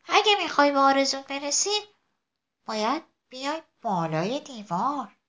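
A woman voicing a kind, beautiful bird who speaks in a gentle, encouraging way. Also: sits high, expressive, voice pushed up.

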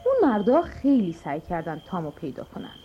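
A woman's voice: on the low side, huge pitch swings. A woman storyteller reading a children's story aloud with expression, speaking to children. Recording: dull recording with music behind.

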